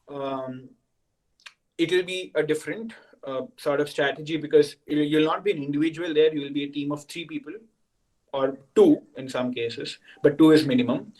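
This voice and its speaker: A man's voice: on the high side, rough recording. A young man, a senior student explaining things to new students on a video call and checking in with "right?". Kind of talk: orientation talk to students.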